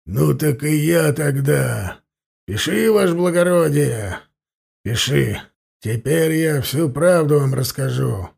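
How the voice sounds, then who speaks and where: A blustering, hot-tempered peasant robber from an audiobook, as a male reader puts him on, his gravelly voice lurching up and down as he protests. the timbre stays husky and dark even when he shouts back. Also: a little high, takes it slowly, heavily acted. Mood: defiant. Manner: blustering, indignant.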